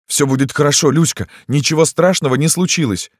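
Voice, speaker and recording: A man's voice: on the high side, brisk, husky, no room sound, clean studio sound, voice pushed up. A man voicing an earnest young boy in an audiobook, pleading and reassuring. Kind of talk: audiobook character voice.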